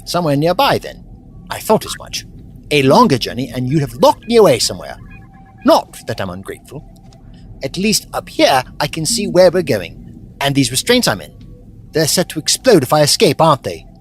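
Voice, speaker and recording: Man playing the Doctor, wry and very animated. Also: on the high side, moderate pace, faint music behind. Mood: wry, chatty. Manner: wry, theatrical, nonchalant. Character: eccentric, unflappable time-travelling adventurer, wry and chatty. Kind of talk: audio drama acting.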